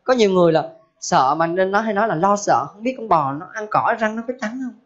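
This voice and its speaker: A woman's voice: medium pitch, expressive, fast talker. A woman giving a humorous Buddhist dharma talk in a folksy manner, full of rhetorical questions. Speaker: Buddhist teacher. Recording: dull lo-fi recording.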